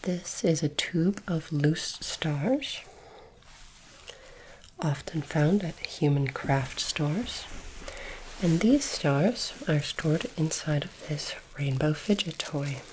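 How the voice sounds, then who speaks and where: A woman whispers softly through an ASMR roleplay as a polite, formal alien interviewer, phrasing things deliberately. Her voice sits low, and the low-quality recording has a little hiss or hum.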